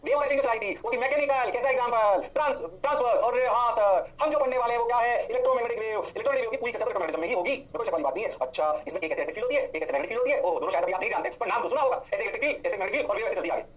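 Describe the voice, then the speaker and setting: Fast-talking high-voiced male physics teacher. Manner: rapid, answers his own questions in a student's voice; drawn-out exclamations. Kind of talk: fast classroom lecture.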